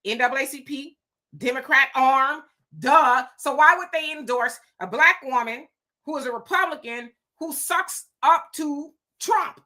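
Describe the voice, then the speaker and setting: A woman hosts a casual commentary show in a chatty, sassy way, full of asides and rhetorical questions. Her voice sits high and sounds bright and forward. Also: measured pace.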